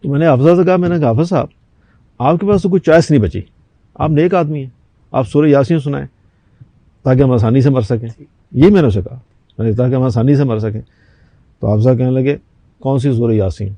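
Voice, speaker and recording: Pausing often, an older man from Pakistan speaks in a mid-range voice as a talk show guest, narrating a personal anecdote and performing the voices of those in it. The recording sounds dry.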